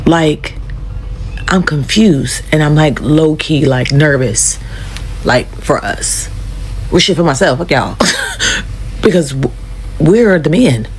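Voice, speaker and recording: A woman's voice: low voice, lively intonation, takes it slowly, long pauses, slight background noise, low-quality recording. A woman talking casually to camera in a rambling, chatty way, correcting herself as she goes. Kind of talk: casual vlog talk.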